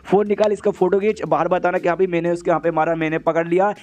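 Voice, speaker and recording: A man narrates an animated series recap at a brisk clip, his voice set high but with a mellow, warm tone. He talks in a loose, slangy way and tosses in short lines for the characters as he goes. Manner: fast, slangy, quotes characters in quick asides. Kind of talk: casual storytelling recap.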